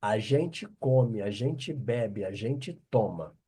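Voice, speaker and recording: Professor brasileiro paciente, voz escura. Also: male voice, lowish voice, lively intonation, warm tone, husky. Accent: Brazilian Portuguese. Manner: slow, patient, spells out French words with deliberate repetition. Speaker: French teacher. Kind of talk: online language lesson.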